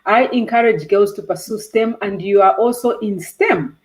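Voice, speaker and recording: A woman's voice: mid-range voice, moderate pace, low-quality recording. A woman hosting a video interview for her STEM channel, eager and repetitive, with many "um" fillers.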